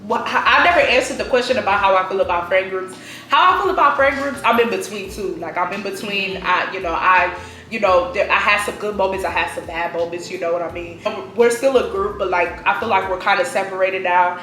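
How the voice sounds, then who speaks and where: A woman's voice: mid-range voice, brisk, sharp tone, reverberant, faint music behind, low-quality recording. A woman of twenty-five hosting a casual chat, talking straight to her viewers. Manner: chatty, addresses viewers directly. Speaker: host.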